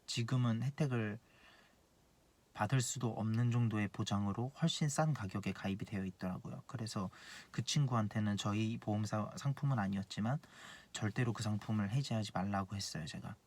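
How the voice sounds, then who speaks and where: Blunt young insurance planner, plain voice. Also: male voice, lowish voice, fairly quick. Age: 20s. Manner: blunt, earnest, repeats key points. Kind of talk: casual advice monologue.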